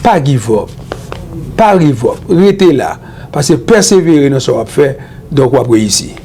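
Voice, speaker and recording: A man's voice: mid-range voice, sing-song, normal speed, mellow, slight background noise. A man hosting a talk show interview, friendly, switching between English and French and backing his guest with many mm-hmms.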